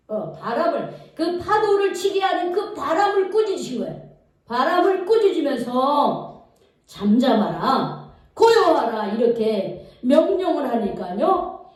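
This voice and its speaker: Woman preaching in a booming echoey church. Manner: lively storytelling, quizzing the congregation. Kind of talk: sermon. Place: church sanctuary. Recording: echoey hall, mic from far off.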